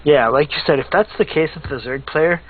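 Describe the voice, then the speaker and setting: A man's voice: on the high side, fairly quick. A man giving color commentary on a strategy game match, explaining builds and filling gaps with "like" and "uh". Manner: explanatory, leans on "like" and "uh". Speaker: esports analyst. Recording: tinny phone-like line, faint noise.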